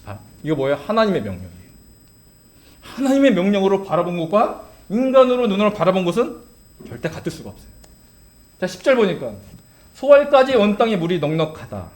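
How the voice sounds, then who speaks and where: Male pastor, high and lively voice, preaching, poses questions and answers them. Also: fast, long pauses. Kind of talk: sermon.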